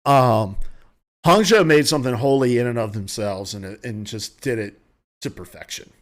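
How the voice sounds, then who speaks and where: A podcast host with a noticeable Southern US country accent gives casual, rambling, opinionated commentary from home, frequently correcting himself and restarting sentences. His voice is medium-pitched at a moderate pace.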